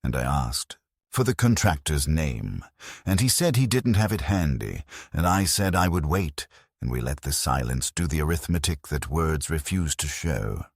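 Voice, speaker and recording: A very deep, husky older man tells a first-person story in long, measured sentences. His voice moves with a lively rise and fall, and it is recorded close and dry with no room sound. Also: dry recording. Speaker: narrator.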